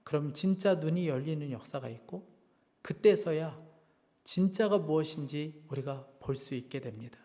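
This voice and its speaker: A man's voice: on the high side, moderate pace. A man preaching a sermon as pastor, earnest, rising into fervent prayer. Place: church sanctuary. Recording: long church hall reverb with soft music.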